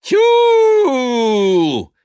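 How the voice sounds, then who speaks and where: A man voicing a brash, cheerful male swindler who shouts in loud, mocking, drawn-out calls in a storybook reading. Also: sits high, very animated, no room sound, studio quality, voice pushed up, full character voice. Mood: gleeful shouting.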